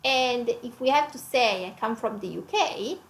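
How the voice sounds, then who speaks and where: A woman with an Italian accent and a fairly high, lively voice gives a conversational language lesson at normal speed. She repeats phrases and breaks them down step by step, and the room is echoey.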